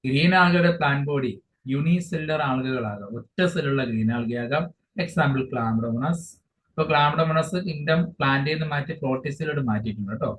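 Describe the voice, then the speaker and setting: A man teaching an exam-focused biology lesson, explaining each English term again in his own words and often pausing mid-phrase. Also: mid-range voice. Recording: dull lo-fi sound with faint hiss.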